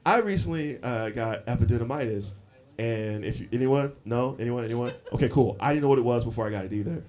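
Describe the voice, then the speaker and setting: A man in his forties telling stories in a live stand-up set, animated and laughing often between lines. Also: mid-range voice, fast. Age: 40s. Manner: animated storytelling, frequent laughs and fillers. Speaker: stand-up comedian. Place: comedy club stage with audience. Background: audience laughter.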